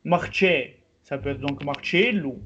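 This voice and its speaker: A man teaching a group language class over a video call, explaining slowly with many pauses and fillers. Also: a little high, fairly bright tone, a little hiss or hum. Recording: slightly muffled video call audio.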